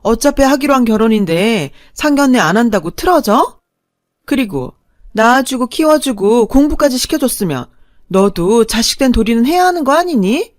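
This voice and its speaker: A woman voicing a bitter elderly mother who scolds her daughter in shrill, scornful tones, in a radio drama reading. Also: darkish tone, dry recording, clean studio sound.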